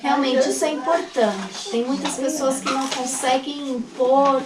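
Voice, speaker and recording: A woman's voice: high-pitched, unhurried, echoey room, recorded from a distance, a crowd in the background. A female missionary co-host telling a story in a teacherly way during a casual chat.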